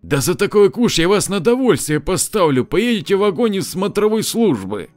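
A man voicing a pudgy, unshaven railway worker with a hoarse, gruff voice who perks up at a bribe. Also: sits high, sing-song, normal speed, no room sound, pitched above the performer's own voice. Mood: eager. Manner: gruff, then eager over a bribe.

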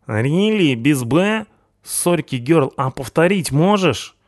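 A man voicing an excitable young male punk who talks in gushing slang. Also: on the high side, slow pace, no echo, clean studio sound, pitched above the performer's own voice. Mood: excited gushing.

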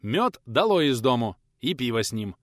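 A man voicing a stern, gruff elderly male teacher who scolds and gives orders but is kind at heart. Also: medium pitch, very animated, normal speed, dry recording, clean studio sound, close to an everyday voice. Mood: commanding. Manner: gruff, commanding.

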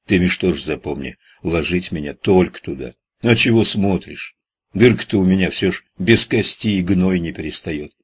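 A coarse old gravedigger from an audiobook, blunt and slangy, who grumbles more than he talks, as a male reader puts him on. His voice sits low and husky. He sounds rough around the edges. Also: lively intonation, moderate pace. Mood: grumbling.

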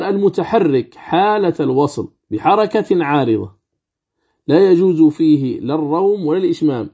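A man teaching the rules of Quran recitation, asking and answering his own questions and slowly demonstrating words. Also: on the high side, gravelly, mellow, breathy edge, highs cut off. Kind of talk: religious lesson commentary.

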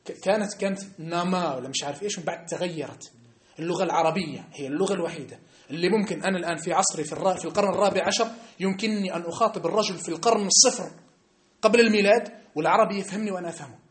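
A man's voice: sits high, very fast. A man with a North African Arabic accent teaching a religious class. He is emphatic and keeps asking his listeners whether they have understood. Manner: emphatic, keeps checking understanding with rhetorical questions. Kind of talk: classroom lesson. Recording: echoey room.

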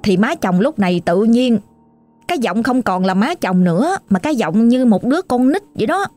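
A woman's voice: fairly high pitch, animated, moderate pace, dark tone, faint music behind. A woman with a Southern Vietnamese accent narrating a ghost story with emotional, repetitive exclaiming.

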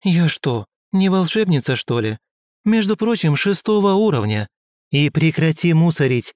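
A man's voice: a little high, very animated, moderate pace, a little mellow, no room sound, voice pushed up. A man voicing a bossy, cocky young girl sorceress in an audiobook.

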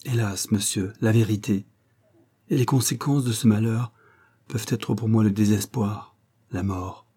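A man voicing a troubled young male artist who speaks in a subdued, solemn way with a husky voice. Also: on the low side, fairly even intonation, unhurried, dark tone. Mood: grave.

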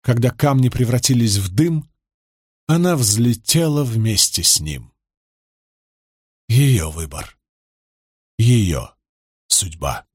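Male audiobook narrator, even measured delivery, dry booth sound. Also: medium pitch, husky, dry recording.

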